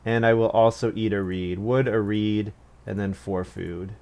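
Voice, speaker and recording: Narrating his turns in a board game, a man thinks aloud in a casual, self-mocking way and chuckles at his own moves. His voice sits fairly low, with a steady, slightly dark tone and an unhurried pace.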